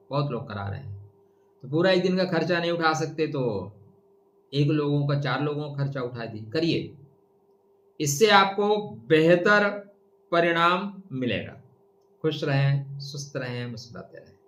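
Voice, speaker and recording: A man's voice: fairly high pitch, a bit bright, a little hiss or hum. Emphatic male astrologer, echoey room. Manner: emphatic, declaiming verse and Sanskrit lines. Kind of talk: yearly horoscope talk.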